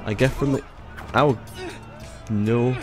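A man giving sweary let's play commentary, reacting loudly to the game. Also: medium pitch, steady tone, slow pace. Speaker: gaming YouTuber. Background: game music.

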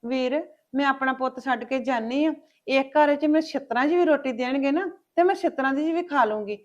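A woman's voice: high-pitched, moderate pace, lo-fi sound. A woman playing a mother who speaks in a resigned, heartfelt way in a family web drama.

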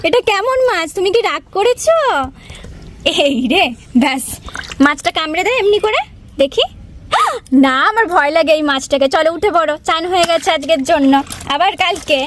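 Very high-pitched woman from West Bengal, home vlogger, chatty baby-talk mom, courtyard, lapel mic. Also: animated, moderate pace, fairly bright tone, a little hiss or hum. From West Bengal, India. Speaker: vlogger, mother. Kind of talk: casual vlog narration. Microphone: wireless lapel mic.

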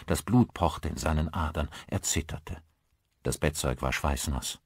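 A man's voice: rumbling low, a little slow, slightly rough, dry recording, clean studio sound. A man narrating a horror audiobook in a dramatic, suspenseful storytelling manner. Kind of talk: scripted narration.

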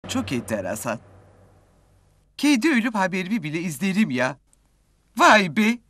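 An actress playing a brash, vain middle-aged woman in a comic TV series, talking in rough slang that jumps between loud bursts and low muttering. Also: big pitch swings, normal speed, noisy background, lightly acted. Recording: TV series audio with loud music.

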